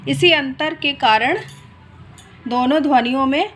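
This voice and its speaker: A woman teaching a grammar lesson, speaking slowly and repeating key words, stretching sounds to demonstrate them. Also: high voice, a bit bright, slight background noise. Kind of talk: slow explanatory lesson.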